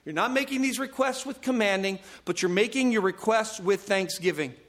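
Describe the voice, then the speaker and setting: A man's voice: high-pitched, normal speed, a bit bright. A man preaching a sermon, stressing points through repetition and short bursts of phrases, with light self-aware humor. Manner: emphatic, repeats phrases for stress; self-aware humor about raising his voice. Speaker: pastor.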